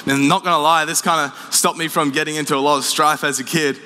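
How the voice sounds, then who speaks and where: A man's voice: fairly high pitch, fairly even intonation, quick pace, bright, forceful tone, a little hiss or hum. A young man preaching a sermon as a pastor, mixing scripture with casual storytelling. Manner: casual storytelling, laughs at his own stories. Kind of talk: sermon with personal anecdotes. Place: large church auditorium. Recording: live in a reverberant hall.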